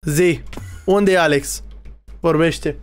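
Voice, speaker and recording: A young man giving casual, excitable gaming commentary, teasing other players and talking to his viewers. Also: fairly high pitch, soft background music. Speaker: streamer playing a Minecraft role-play server.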